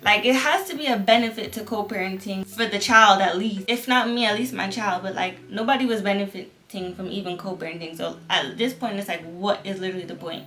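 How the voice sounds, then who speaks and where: A woman's voice: mid-range voice, brisk, hardly any pauses, a bit bright, faint music behind. Earnest young woman, fervent new believer. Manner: earnest, emphatic new believer, repeats phrases for emphasis. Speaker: vlogger. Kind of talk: casual personal testimony to camera.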